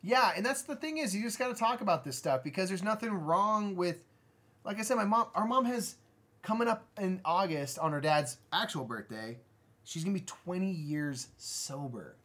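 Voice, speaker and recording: A man in his thirties co-hosts a live stream and talks in a loose, rambling way, laughing as he goes. His voice sits somewhat high for a man. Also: normal speed. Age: 30s. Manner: animated, rambling, laughs often. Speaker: co-host of a board game stream. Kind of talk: casual live-stream chat.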